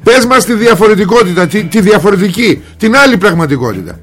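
A man with a notably high voice hosts a political radio show and rails against politicians in a mocking, combative tone. He addresses his listeners directly and works himself up to indignant peaks. Soft music plays faintly beneath him. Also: very animated. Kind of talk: political commentary monologue.

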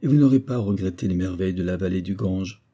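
A man's voice: quick pace, warm tone, breathy edge. A man voicing a boisterous, hunting-mad army captain in an audiobook, exclaiming in a raised voice. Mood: exuberant. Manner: exclaiming, raised and higher than the narration.

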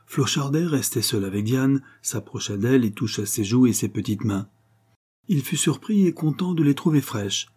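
A male audiobook narrator reads a classic novel in a measured, steady voice. His tone is dark and mellow, with a soft huskiness, at a middling pitch. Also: breathy edge.

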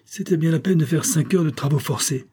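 A man's voice: medium pitch, normal speed, mellow. A man voicing an irritable middle-aged neurologist who grumbles and snaps in a storybook reading. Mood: gruff, exasperated. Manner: gruff, grumbling, exasperated.

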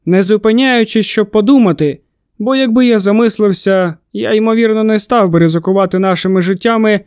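A man's voice: high voice, a little mellow, smooth, no room sound. A man narrating a novel in the first person in a tense, dramatic reading on a close studio mic. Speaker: audiobook narrator.

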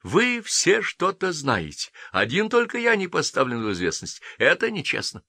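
A man's voice: a little high, wildly swooping pitch, normal speed, creaky, bright, forceful tone, breathy edge, dry recording, clean studio sound, voice pushed up, heavily acted. A man voicing a nervous, timid doctor who talks in a faltering, plaintive way in an audiobook. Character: timid, nervous older male doctor in glasses.

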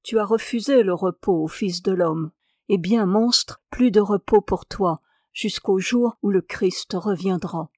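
A woman's voice: mid-range voice, a little slow, darkish tone, no echo, studio quality, lightly acted. A woman voicing a wrathful angel of death, stern and accusing in her delivery.

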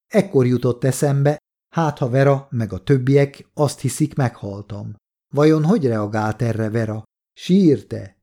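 A man narrating a novel in the first person as an audiobook, steady and measured. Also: medium pitch.

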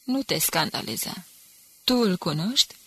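A contemptuous male spy speaks with cool disdain about his superior, voiced by a woman reading a story. The voice is low and gravelly, with a dry, close sound. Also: big pitch swings, bright, forceful tone, no echo, heavily acted. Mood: scornful. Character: contemptuous, hard-drinking male enemy agent.

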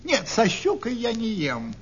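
A man voicing a small, greedy female mouse in a storybook tale, singing and chattering in a high, sing-song way. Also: huge pitch swings, a little slow, full character voice. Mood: choosy. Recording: dull recording with faint rumble.

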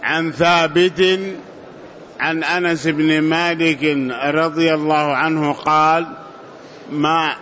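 A man reading a classical text aloud for a teacher in a lesson, halting and stumbling over names. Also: on the high side, little pitch movement, bright, forceful tone, slight background noise. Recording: dull lo-fi lesson recording.

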